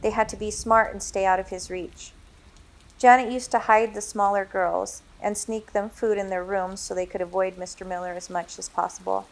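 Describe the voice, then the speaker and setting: A woman reading her own novel aloud in a measured, dramatic narration. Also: mid-range voice, fairly even intonation, gravelly. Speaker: author reading her book. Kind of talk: storybook reading.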